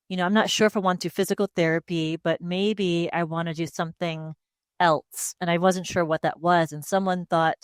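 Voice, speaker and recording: A woman's voice: fairly low pitch, clear, resonant tone, no echo. A woman from Hawaii being interviewed about her life, telling her story openly and steadily on a headset microphone. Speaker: guest, speech-language pathologist. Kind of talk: casual interview answers. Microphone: headset mic.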